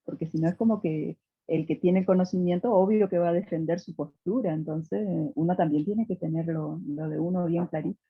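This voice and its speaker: Female student, husky, meandering and thoughtful, on a dull, dry online call. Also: lowish voice, brisk, few pauses, dry recording. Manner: thoughtful, rambling with many fillers. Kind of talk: casual conversation with teacher.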